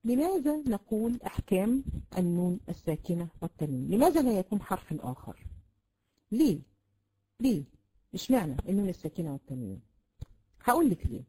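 A woman with an Egyptian Arabic accent teaching a class on Quran recitation, patiently explaining, repeating sounds to demonstrate and filling pauses with drawn-out sounds. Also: medium pitch, big pitch swings, dark tone, breathy edge, low-quality recording. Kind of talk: classroom lesson.

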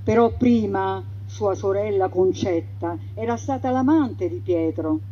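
Heard through a radio broadcast, a woman narrates a stage story in an emphatic, theatrical manner, alternating loud stretches with hushed ones. Her voice is medium in pitch and unhurried, and the muffled recording carries a little hiss or hum.

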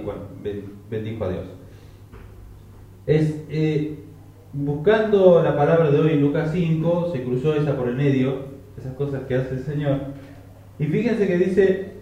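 A man's voice: a little high, dark tone, slight background noise. A man preaching a conversational sermon, with joking asides and rhetorical questions. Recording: echoey, distant, dull lo-fi recording.

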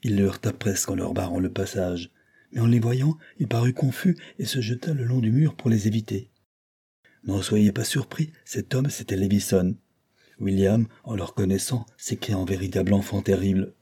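A man reading a classic novel aloud in a steady, measured narration. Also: on the low side, breathy edge. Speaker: audiobook narrator.

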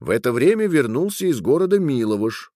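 Lively male folk-tale narrator. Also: medium pitch, a little fast, no room sound, studio quality. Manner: expressive, plays all the characters. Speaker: storyteller.

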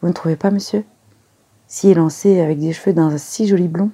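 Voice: medium pitch, steady tone, brisk, mellow, husky, close to an everyday voice. A reader voicing a chatty, gossipy young maid who talks eagerly and giggles.

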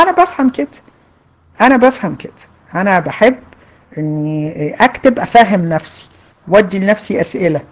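A woman's voice: mid-range voice, rough recording. Woman teacher, Egyptian Arabic accent, casual Q&A lesson, reads questions then chats through answers. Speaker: religion teacher.

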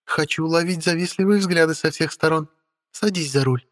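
A man's voice: fairly high pitch, moderate pace, a bit bright, no room sound, studio quality, pitched above the performer's own voice, close to an everyday voice. A man voicing a vain, bossy young witch woman in an audiobook, haughty and imperious, teasing and commanding. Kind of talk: audiobook character voice.

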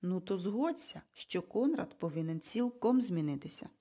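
A bossy, brisk mother figure from a storybook, as a woman reader puts her on. She talks in an emphatic, commanding, impatient way, with a mellow, slightly husky tone that swings widely in pitch. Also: very animated. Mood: forceful. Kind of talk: audiobook character reading.

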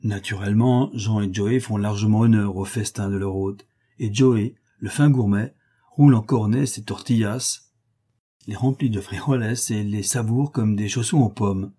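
Male audiobook narrator, measured reading, dark husky tone. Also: fairly low pitch.

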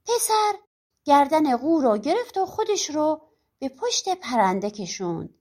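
A woman's voice: sits high, big pitch swings, a little mellow. A woman narrating a folk tale audiobook expressively, often fading to a whisper at the ends of lines. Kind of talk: storybook narration.

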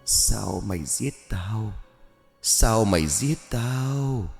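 A man voicing the ghost of a murdered woman, pleading and shrill in an eerie way. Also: expressive, measured pace, gravelly, warm tone, long reverb tail, soft background music. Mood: accusing. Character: wailing vengeful female ghost, murdered woman.

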